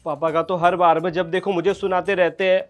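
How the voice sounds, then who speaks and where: A woman's voice: on the low side, level tone, brisk, faint music behind, close to an everyday voice. A woman playing a complaining, sulky younger brother in a comedy sketch. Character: whiny quarrelsome younger brother.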